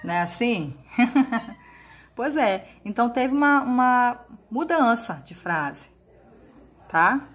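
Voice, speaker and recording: A patient woman teacher with a Maranhão accent explains things slowly and clearly to children. She checks in often to keep the class with her. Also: on the high side, expressive. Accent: Maranhão Brazilian Portuguese. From Maranhão, northeastern Brazil.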